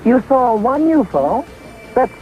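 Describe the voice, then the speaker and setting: A woman's voice: fairly high pitch, big pitch swings, unhurried, phone-quality sound, slight background noise. A woman informally interviewing schoolchildren, encouraging them with frequent short interjections.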